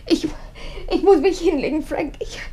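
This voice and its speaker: An actress playing a frightened young bride in a radio play, pleading and faltering. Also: female voice, very high voice, normal speed, warm tone.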